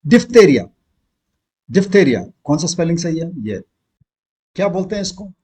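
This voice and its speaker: Husky teacher with an Indian accent. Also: male voice, on the high side, big pitch swings, dark tone. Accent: Indian English. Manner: reads English sentences slowly, spells words out letter by letter. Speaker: exam-prep teacher. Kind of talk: classroom lesson.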